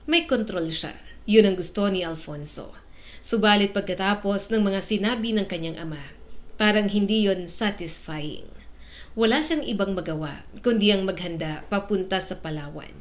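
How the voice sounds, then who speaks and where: Woman narrating a drama story. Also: mid-range voice.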